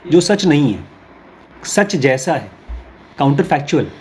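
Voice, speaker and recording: A man teaching a spirituality course, explaining ideas in Hindi mixed with English phrases. He reads English lines slowly, then explains them through everyday examples. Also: high-pitched, a little mellow, slight background noise. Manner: explains with everyday examples and role-play scenarios.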